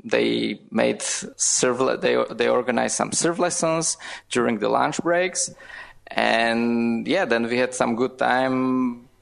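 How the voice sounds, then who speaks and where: Slow, gravelly young man from Slovakia. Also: mid-range voice, fairly even intonation. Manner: hesitant, repeats words. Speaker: guest, founder. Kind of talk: podcast interview.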